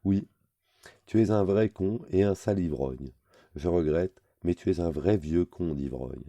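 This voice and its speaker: Guy voicing a cold scornful young woman, snaps at her lover, very dark low voice, dry. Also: unhurried, vocal fry, no echo. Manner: cutting, scolding.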